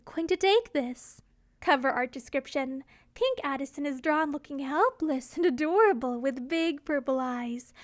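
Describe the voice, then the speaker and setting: With a very high voice, a woman acts as storyteller and reads scripted fan fiction dramatically.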